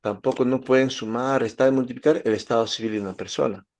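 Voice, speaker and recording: A man's voice: mid-range voice, fairly even intonation, quick pace, a little mellow. A man from Peru, teaching statistics and often checking in with his students. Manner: asks students questions, gives everyday examples. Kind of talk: lecture to students.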